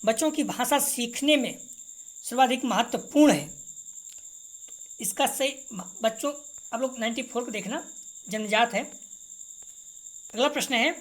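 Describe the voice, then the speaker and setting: Her voice sits on the high side, and she takes her time, leaving long pauses. Reading exam questions and answer options aloud, this teacher repeats every correct answer while chatting informally and directly with her students.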